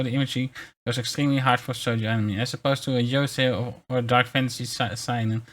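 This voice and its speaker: A man gives casual livestream commentary in a mid-pitched, bright voice. He rambles along as he reads aloud and reacts, often stumbling over words and restarting. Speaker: VTuber streamer.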